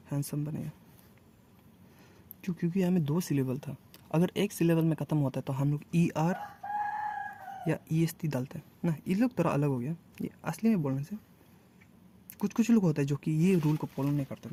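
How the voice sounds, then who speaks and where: A man teaching a casual grammar lesson, asking and answering his own questions and repeating words slowly. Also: a little high, warm tone, slight background noise.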